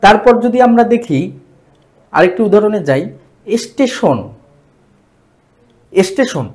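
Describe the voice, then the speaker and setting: A man with a Bangladeshi Bengali accent teaching a grammar lesson for exam preparation, repeating each term slowly for emphasis. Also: high-pitched, sing-song, a little mellow.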